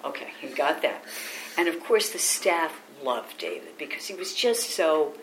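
A woman's voice: sits low, measured pace, a little hiss or hum, poor audio. Older woman telling family stories. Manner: warm, lively anecdotes with quoted voices and laughter. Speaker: interviewee. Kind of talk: oral history storytelling.

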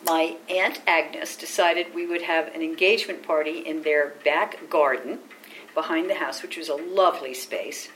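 Older woman, low-ish voice, interviewee, lively family anecdotes, faint background hiss. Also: moderate pace, rough recording. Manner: warm, lively anecdotes with quoted voices and laughter. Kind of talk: oral history storytelling.

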